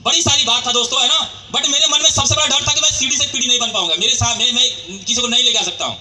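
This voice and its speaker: Guy doing a motivational talk in a hall, super high bright voice, talks fast and acts out all the dialogue. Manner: animated, acts out quoted dialogue, calls out to the crowd. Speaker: motivational speaker at a sales meeting. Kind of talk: storytelling speech to a live audience. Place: large hall with audience.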